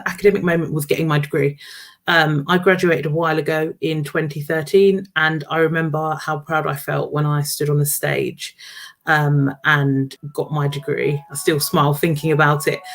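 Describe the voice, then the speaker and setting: A woman's voice: low-pitched, fairly bright tone. A woman in her thirties, a senior student advisor, giving a friendly, casual self-introduction with many ums. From Jamaica and Nigeria.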